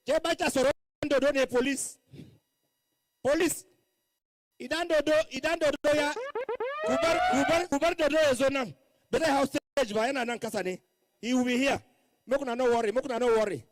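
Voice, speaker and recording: A man's voice: extremely high pitch, no room sound. A Nigerian man giving a rally speech as master of ceremonies, calling out to the crowd from the stage in repeated phrases and slipping into Pidgin.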